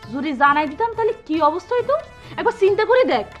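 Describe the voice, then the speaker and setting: A quick-tongued elder sister. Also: female voice, extremely high pitch, very animated, lo-fi sound, soft background music. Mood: scolding. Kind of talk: rural comedy drama acting.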